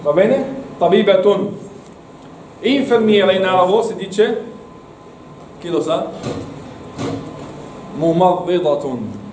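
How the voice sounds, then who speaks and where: Guy teaching a class, warm mellow voice, keeps urging students to study, roomy echo, sounds far from the mic. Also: high-pitched, animated, a little slow, pauses often, slight background noise. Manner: encouraging, repeats words for students. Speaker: Arabic teacher. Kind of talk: classroom lesson. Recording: echoey room, mic far off.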